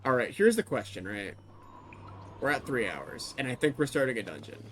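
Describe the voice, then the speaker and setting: A man streaming a game with a friend, talking in a dry, deadpan way and swearing casually. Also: mid-range voice, moderate pace, slight background noise. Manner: deadpan, self-deprecating, swears. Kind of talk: casual chat.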